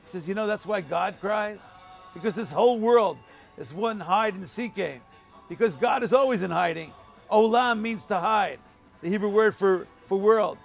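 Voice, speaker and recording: Male rabbi, high voice with a gravelly edge, teaching through stories and quotations, faint music underneath. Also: moderate pace. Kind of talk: holiday video message.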